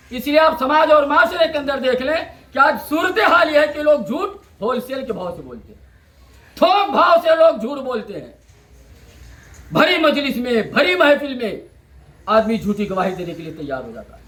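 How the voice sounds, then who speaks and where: Guy giving friday sermon, quite high voice, echoey mosque hall. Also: a bit bright. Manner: rhythmic, repeats phrases, quotes Arabic verses. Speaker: preacher.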